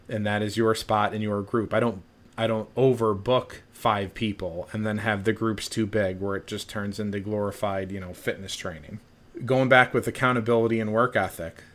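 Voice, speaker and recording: A man's voice: lowish voice, a bit bright. A man who runs a sports performance gym tells coaching stories in a blunt, casual way, swearing now and then. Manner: blunt and profane, with frequent fillers. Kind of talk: casual podcast storytelling.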